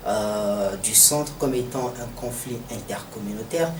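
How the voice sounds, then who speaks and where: A man from Mali with a Malian French accent gives formal political analysis in a deliberate, didactic manner, repeating phrases for emphasis. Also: on the low side. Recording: echoey, distant mic, noisy background.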